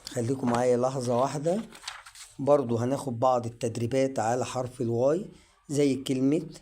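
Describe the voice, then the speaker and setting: A man's voice: mid-range voice, mellow. A man with an Egyptian Arabic accent teaching English pronunciation in an online lesson, drilling words one at a time. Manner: slow, drawn-out word-by-word drilling.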